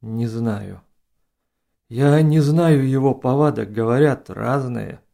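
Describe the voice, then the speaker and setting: A man voicing a hushed, cautious companion. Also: medium pitch, takes it slowly, creaky. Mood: uncertain. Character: cautious, knowing male companion. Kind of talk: audiobook reading.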